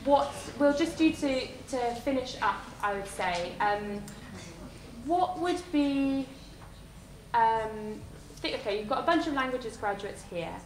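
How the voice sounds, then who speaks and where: A woman's voice: on the high side, expressive, takes it slowly. A woman in her thirties moderating a live panel discussion, friendly and hesitant, with many fillers. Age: 30s. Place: lecture hall. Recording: echoey hall, faint noise.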